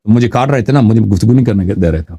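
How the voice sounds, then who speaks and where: A man's voice: lowish voice, dark tone. A man hosting a live debate show, emphatic and repetitive, talking over his opponent in a heated exchange. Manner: emphatic, repeats himself, talks over the caller.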